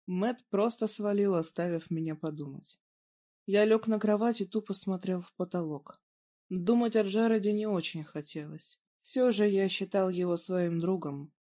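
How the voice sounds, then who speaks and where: Storybook narrator, subdued, even, dark mellow tone. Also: medium pitch. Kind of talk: first-person story reading.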